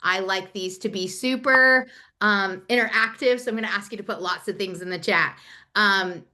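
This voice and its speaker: A woman giving an excited, fast, chatty online presentation over a video call. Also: medium pitch. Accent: Nebraska. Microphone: computer mic on a video call.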